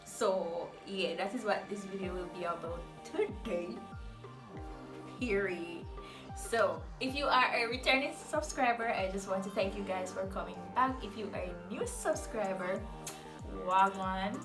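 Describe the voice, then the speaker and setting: A woman's voice: mid-range voice, moderate pace. A woman with a Jamaican accent hosting a casual couple's quiz vlog. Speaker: vlog host. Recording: echoey, distant mic, music behind.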